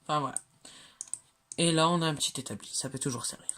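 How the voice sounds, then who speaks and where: A game creator casually walks through their own builds, talking fast in a medium-pitched, slightly bright voice. They sound hesitant, full of fillers and self-corrections, and keep things chatty by joking about their own slips.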